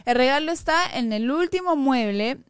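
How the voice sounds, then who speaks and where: Una mujer con acento peruano que cuenta una anécdota personal de forma animada, con muchas muletillas y frases que retoma, en una charla casual de pódcast. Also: female voice, sits high, normal speed, smooth, no room sound, studio quality. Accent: Peruvian Spanish. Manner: animated rambling storytelling, restarts and fillers. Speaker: podcast co-host telling a personal story. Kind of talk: casual chat.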